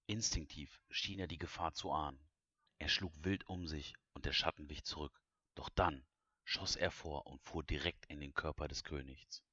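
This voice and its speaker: A man's voice: extremely low pitch, bright, forceful tone, breathy edge, no echo. A man reading an audiobook as narrator in a suspenseful voice that drops to whispers. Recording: dull, dry, lo-fi recording.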